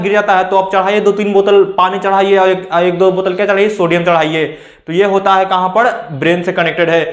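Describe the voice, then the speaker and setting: A man teaches in an echoey room, his voice pitched high for a man. He explains things by firing rhetorical questions and answering them himself, repeating key words in an easy, conversational way. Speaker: exam coaching teacher. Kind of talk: classroom lecture.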